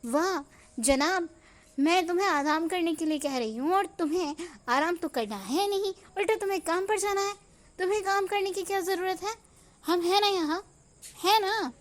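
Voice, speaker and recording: A woman's voice: very high voice, moderate pace, pitched above the performer's own voice. A woman voicing a protective middle-aged mother who scolds and fusses. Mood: scolding. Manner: scolding, fussy.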